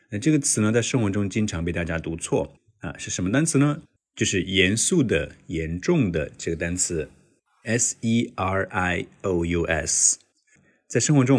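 A low-pitched man hosts a podcast lesson on English pronunciation. He works through each point step by step and repeats the example words slowly so listeners can copy them.

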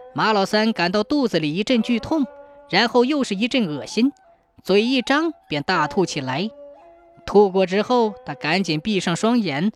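A woman narrating a scripted folk tale in an expressive storytelling manner. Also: mid-range voice. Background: faint background music.

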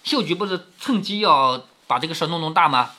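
A man's voice: fairly high pitch, lively intonation, fairly quick, sharp tone. A man reading a classic novel aloud and explaining it, often asking rhetorical questions. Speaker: storyteller reading to his daughter.

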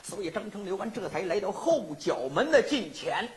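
A woman performing Henan zhuizi, telling the story in a lively, animated way. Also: mid-range voice, normal speed, a loud crowd. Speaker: folk ballad storyteller. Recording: loud folk instrumental accompaniment.

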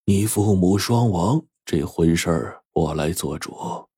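A man's voice: low voice, gravelly, mellow, husky, no echo, studio quality, heavily acted. A man voicing a stern old sorcerer master. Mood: solemn. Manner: slow, weighty admonishing delivery. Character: stern elderly male master sorcerer, grave and slow.

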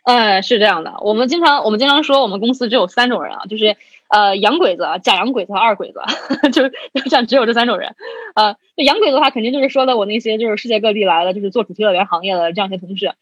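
A woman's voice: medium pitch, racing, no echo, highs cut off. A young woman in her twenties, a podcast guest, casually telling a story and acting out the people in it, often laughing as she talks. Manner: lively storyteller who acts out both sides of conversations and laughs often.

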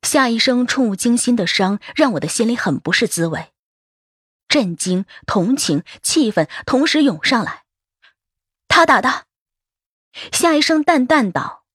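A woman reading a first-person story aloud as an audiobook narrator, expressive in her telling. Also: on the high side, moderate pace, breathy edge, no echo, studio quality.

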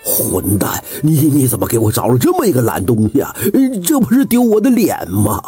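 A man's voice: medium pitch, huge pitch swings, normal speed, warm tone, slightly rough, no room sound, faint music behind, full character voice. A male storyteller voicing a furious, pompous rich old landlord who scolds and stammers in rage. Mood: angry scolding.

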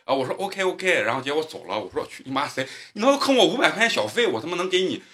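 Man, podcast host, fast-talking, bright voice, foul-mouthed storytelling. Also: a little high, sing-song. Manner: profane, boisterous, joking. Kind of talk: casual storytelling chat.

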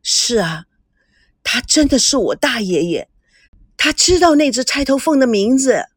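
A woman voicing a shy young man who stammers and hesitates, with a breathy, dry sound. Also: high-pitched, lively intonation, measured pace, dry recording, voice pushed up, full character voice. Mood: nervous.

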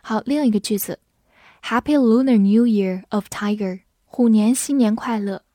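A woman teaching English words in Chinese, spelling each word out letter by letter and reading example sentences slowly. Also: on the high side, dark tone, no room sound, clean studio sound. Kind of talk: vocabulary lesson.

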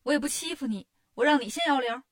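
Woman playing a cheeky boastful monkey king, storybook voice, high and teasing. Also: quick pace, natural voice. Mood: cocky. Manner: teasing, cocky and playful. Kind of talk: storybook character voice.

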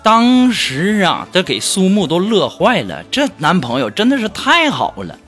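A male host of a radio comedy show, telling comic stories in an animated, exaggerated way and laughing along. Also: sits high, a little slow, soft background music. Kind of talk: comic storytelling.

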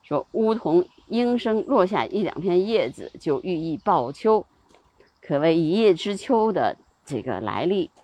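Chatty woman host, husky and lively, fillers and light laughs. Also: on the low side, measured pace. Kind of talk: casual spoken talk on seasonal customs.

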